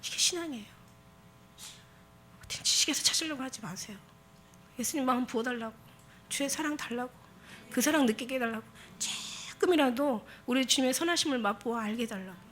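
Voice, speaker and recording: A woman's voice: high-pitched, a little fast, pauses often, a bit bright, slight background noise. A woman pastor preaching a Sunday sermon, impassioned and exhorting her congregation with emphatic repetition.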